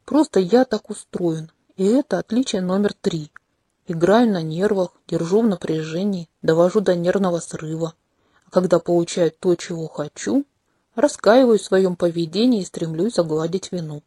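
A woman voicing a charming, manipulative male non-human prince in a home-made audiobook, speaking calmly and candidly with a faintly mocking edge. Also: lowish voice, moderate pace, husky, no room sound, clean studio sound. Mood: gently mocking. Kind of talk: audiobook character reading. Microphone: close home mic.

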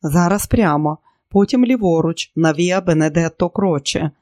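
Man doing a showy, excitable young woman. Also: normal speed, dry recording, lightly acted. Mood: excited. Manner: high excited bursts, exclamations.

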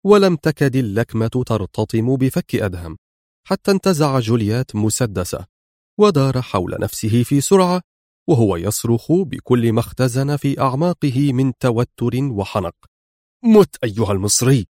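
Read it dramatic and animated, let the pitch swing wide, a male narrator in a dry booth. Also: no room sound. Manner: lively, dramatic storytelling. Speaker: audiobook narrator.

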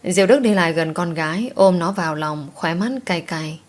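Woman narrator for romance audiobooks, steady and calm, lower register. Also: normal speed.

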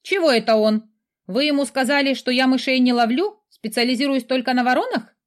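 A woman's voice: sits high, brisk, pitched above the performer's own voice, natural voice. A woman voicing a brash, teasing male skull familiar who rattles on in an audiobook. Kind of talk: audiobook character voice.

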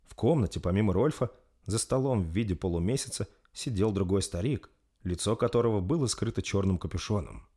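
A man reading a dark fantasy story aloud in a steady, dramatic narration. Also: fairly low pitch, brisk, husky. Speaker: audiobook narrator.

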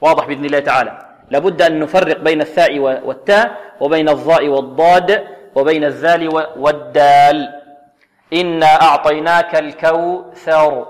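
A man teaching Quran recitation rules, drilling letters slowly and asking rhetorical questions. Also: fairly high pitch, long reverb tail. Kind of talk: tajweed lesson with call-and-repeat drills.

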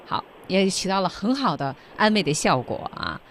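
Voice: medium pitch, very animated, moderate pace, fairly bright tone, a little hiss or hum. A co-host of an English lesson who prompts the teacher and sums up points for listeners. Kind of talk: radio lesson chat.

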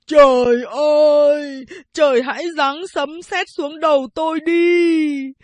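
A man's voice: extremely high pitch, fairly even intonation, no echo, pitched above the performer's own voice. A woman voicing a humiliated young man in an audiobook, crying out in long wailing lines and cursing. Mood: wailing despair. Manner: wailing, cursing, drawn-out cries.

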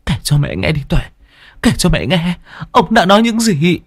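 Storybook mother figure, male reader doing her: middle-aged, anguished, reproachful, higher voice, dry booth sound. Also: very animated, moderate pace, husky, no echo, exaggerated voice. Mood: bitter. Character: grief-stricken middle-aged mother, bitter and pleading. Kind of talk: audiobook character voice.

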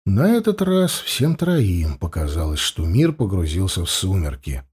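A man's voice: low voice, sing-song, unhurried, a little mellow, slightly rough. A man narrating an adventure audiobook expressively, doing voices for the characters.

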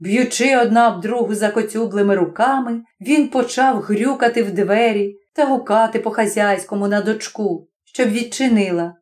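A woman narrating a classic story as an audiobook, in slow, measured storytelling. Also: mid-range voice, darkish tone. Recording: roomy echoing room.

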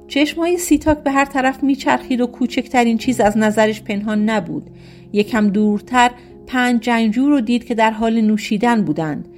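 A woman's voice: fairly high pitch, a little mellow. A woman reading a folk tale aloud as an audiobook narrator, speaking each character's lines in her own voice. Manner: reads all characters in her own voice with quoted dialogue. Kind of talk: storybook narration.

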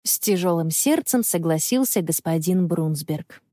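Expressive woman reading a children's story. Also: lowish voice, unhurried, no echo, studio quality. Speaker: audiobook narrator. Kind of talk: scripted storybook narration.

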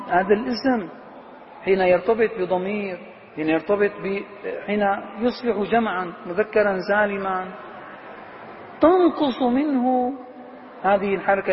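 Brief: male grammar teacher, high voice, quizzes the class and answers himself, dull lo-fi recording with a long hall echo. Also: slight background noise. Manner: asks questions and answers them himself; repeats key words slowly for emphasis.

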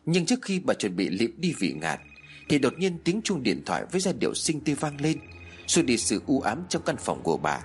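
A man narrating a horror story with dramatic, lively delivery. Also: mid-range voice, fairly quick, soft background music.

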